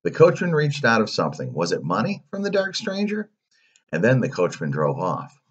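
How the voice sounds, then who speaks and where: Man reading a kids' story, animated, husky, low, dull lo-fi sound. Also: normal speed. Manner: animated, playful asides.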